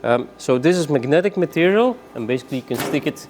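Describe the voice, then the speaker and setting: A man giving a rushed product demonstration, moving between samples with many fillers and saying he is out of breath. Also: on the high side, lively intonation, a little mellow, a little hiss or hum. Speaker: product presenter.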